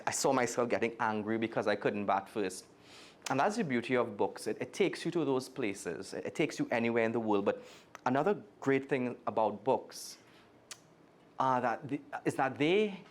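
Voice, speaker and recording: This Trinidadian guest storyteller, a man from Trinidad and Tobago, addresses young listeners directly while giving an expressive reading of a children's story. He speaks at medium pitch with an animated delivery and a moderate pace.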